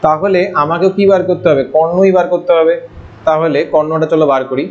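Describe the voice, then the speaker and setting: Male maths tutor, high voice, informal, quizzes students then answers himself, dull lo-fi audio. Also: brisk, a little mellow. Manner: asks students questions and answers them himself; informal, addresses students with familiar forms. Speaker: maths teacher. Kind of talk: online maths lesson. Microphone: voice-over on slides.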